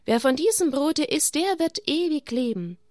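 A woman voicing Jesus as a calm, solemn male teacher in a children's Bible story, speaking in a measured way. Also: a little high, dry recording, clean studio sound.

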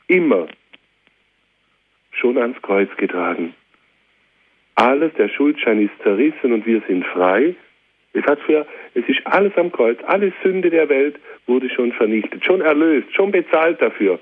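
A man's voice: a little high, husky. A man preaching a fervent radio sermon, repeating phrases and appealing directly to his listeners. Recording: tinny phone-like radio with hiss.

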